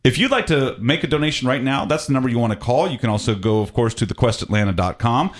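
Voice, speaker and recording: A man's voice: mid-range voice, expressive, fast. A man hosting a radio fundraiser, upbeat and chatty, repeating the call-in number and interviewing guests in the studio. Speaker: radio host.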